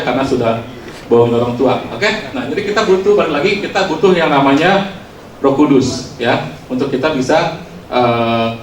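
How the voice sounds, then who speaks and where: A man giving a casual, storytelling sermon to a youth congregation, chatty and self-mocking with lots of filler words, recorded in a church hall. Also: mid-range voice. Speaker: youth preacher. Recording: roomy, distant mic, faint noise.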